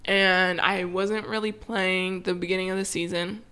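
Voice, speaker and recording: A woman in her twenties talks in a calm, unhurried way as a podcast guest. Her voice is bright and clear. She leans on "like" as she thinks aloud. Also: fairly low pitch. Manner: relaxed, calm, with frequent "like" fillers. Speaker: guest, professional volleyball player. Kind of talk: casual podcast conversation.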